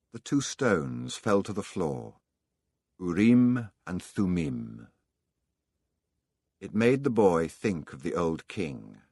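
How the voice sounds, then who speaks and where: A man narrating an audiobook in a calm storytelling manner. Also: low-pitched, no room sound, studio quality.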